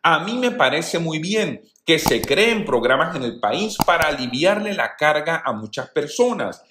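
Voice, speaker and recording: A man's voice: fairly high pitch, very animated, a little slow, noisy background. A man hosting a news channel, giving opinionated commentary in voice-over and addressing viewers as friends. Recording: roomy echo.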